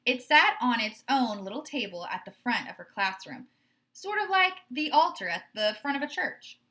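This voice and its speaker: A woman with a slightly high voice reads a children's book aloud the way a teacher would. Her storytelling is expressive and measured, with certain phrases stressed.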